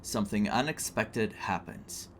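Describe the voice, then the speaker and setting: Streaming a game, a young man with a Greek accent chats eagerly, breaks into frequent laughter and reads quest text aloud. His pitch is fairly low and his pace unhurried, with a slight hiss or hum on the recording.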